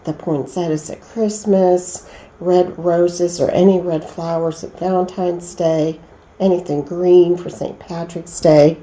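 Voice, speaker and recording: A woman's voice: fairly low pitch, fairly even intonation, slow, mellow, echoey room, rough recording. A middle-aged woman vlogger chatting at home in a folksy, homey way about entertaining. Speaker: lifestyle vlogger. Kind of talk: casual home chat.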